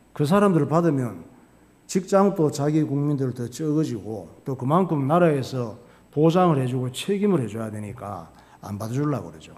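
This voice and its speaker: A man's voice: mid-range voice, warm tone. A male pastor preaching a sermon in a folksy, storytelling way, asking questions and answering them himself. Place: church sanctuary. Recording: long hall reverb.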